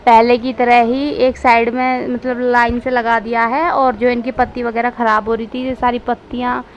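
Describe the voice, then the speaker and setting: A woman's voice: fairly high pitch, flat delivery, normal speed, lo-fi sound, slight background noise. A young woman chatting casually in a home vlog, coaxing and teasing her small child as a mother. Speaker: mother and family vlogger.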